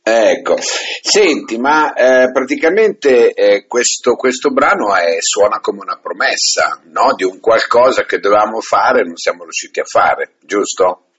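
Lively low-voiced male radio host. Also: unhurried, breathy edge. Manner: lively, hesitant with many fillers. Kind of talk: radio interview. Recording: dull lo-fi radio sound.

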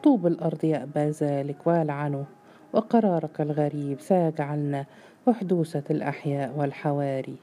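امرأة تؤدي دور ابن شاب غاضب متمرد يصيح بسخرية واحتقار في قصة مسموعة. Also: female voice, low-pitched, brisk, close to an everyday voice. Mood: furious. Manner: shouting, scornful. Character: furious, defiant grown son.

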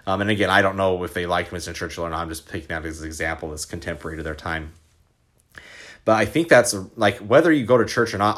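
A man's voice: fairly low pitch, fairly bright tone. A young adult man, hiccuping, talking loosely in a reflective monologue as host, often tagging his points with "right?" and "like". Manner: loose and conversational, frequent "right?" and "like".

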